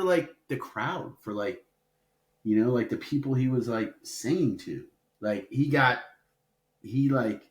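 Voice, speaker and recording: A man co-hosts a relaxed podcast chat, wandering through his points with plenty of filler words and bursts of playful drama. His voice sits at a middling pitch. The room around him rings with a noticeable echo. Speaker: podcast co-host. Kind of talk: casual chat. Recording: roomy echo.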